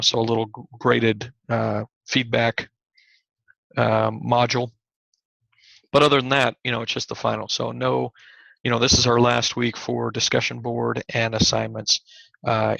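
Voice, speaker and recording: A man delivers a recorded class lecture in a slightly hoarse, very gravelly voice, with a flat, bright and forward tone. He talks conversationally, with plenty of fillers and restarts. The recording is dry and somewhat dull, as from a computer mic. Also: mid-range voice, dry recording. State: slightly hoarse, scratchy throat. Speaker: college instructor.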